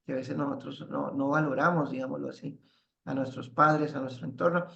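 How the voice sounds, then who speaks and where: A man teaching a spiritual class, halting and restarting, ending phrases with tag questions. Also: mid-range voice, steady tone, creaky, fairly bright tone, muffled recording. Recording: roomy echo.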